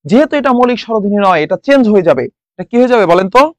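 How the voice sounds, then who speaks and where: A man's voice: sits high, lively intonation, fast, dry recording. A young man from Bangladesh teaching a live exam-prep class online, quizzing students and repeating the answers. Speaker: online tutor.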